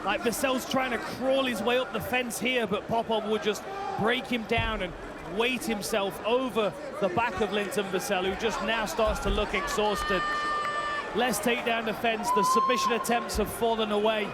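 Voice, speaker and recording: Man, technical fight analyst, instructive, high pitch, roaring crowd behind. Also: expressive, normal speed. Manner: instructive, explains step by step. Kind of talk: live technical fight commentary. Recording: very noisy arena, loud crowd.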